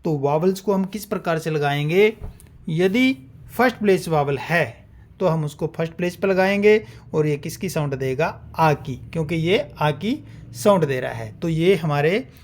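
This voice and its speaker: A man's voice: on the high side, animated, moderate pace. A man teaching shorthand, explaining step by step and sounding out example syllables one at a time. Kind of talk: classroom-style explanation.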